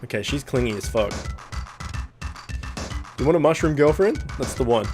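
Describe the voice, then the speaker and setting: A man's voice: mid-range voice, animated, normal speed. A man doing casual, joking, sweary commentary as he plays a video game. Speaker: let's play host. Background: video game music.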